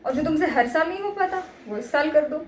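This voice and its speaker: A bossy, teasing mother keeps her family in line in a student drama, played by a woman. Her voice is high and she talks in a quick, nagging way. The room adds a clear echo and faint noise. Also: animated. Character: bossy loving mother and wife. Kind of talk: amateur student drama acting.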